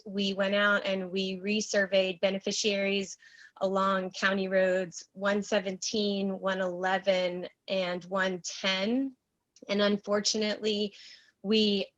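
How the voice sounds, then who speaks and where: A woman presents formally to a public board over a dull, muffled call. Her medium-pitched voice varies little, and her phrasing is halting as she works through the details. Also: a bit bright. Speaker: grant consultant presenting to county commissioners. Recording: muffled remote video-call audio.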